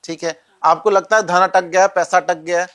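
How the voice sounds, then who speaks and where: A man gives calm, step-by-step instructions on rituals and mantras as an interview guest. His voice sits a little high for a man, and he speaks straight to the listener. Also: normal speed, clear, resonant tone. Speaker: astrologer guest.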